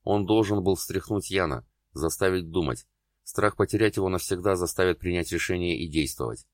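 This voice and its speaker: A man narrating a dramatic novel as an audiobook, in steady storytelling. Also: low voice, a little fast, no echo, studio quality. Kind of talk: scripted narration.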